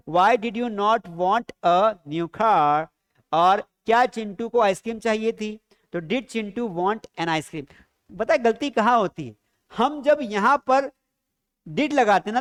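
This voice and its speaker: Male English teacher. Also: high voice. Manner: explains patiently, drills pronunciation, asks the viewers questions. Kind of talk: spoken English lesson.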